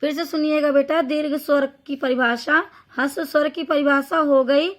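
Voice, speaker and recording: A woman's voice: high-pitched, steady tone, moderate pace. A woman teacher giving a Hindi grammar lesson, patiently repeating each point and addressing the listener as a child.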